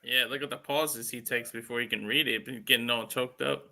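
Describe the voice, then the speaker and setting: A man gives casual colour commentary on wrestling as the second commentator. His voice is extremely bright and sharp, at an ordinary male pitch. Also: steady tone, a little fast.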